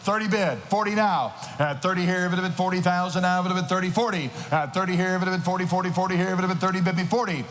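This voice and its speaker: Racing along with few pauses, a man works a large auction hall, his high, fairly bright voice steady in tone as he chants repeated numbers and filler phrases insistently. Noisy ambience surrounds the echoing hall PA.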